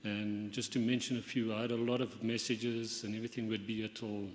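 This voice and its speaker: A man's voice: fairly low pitch, little pitch movement. Older man in a reverberant hall. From Zambia. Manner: halting, many fillers like "yeah" and "um". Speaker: brother giving memorial tribute. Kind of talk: memorial speech. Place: hall at a memorial gathering.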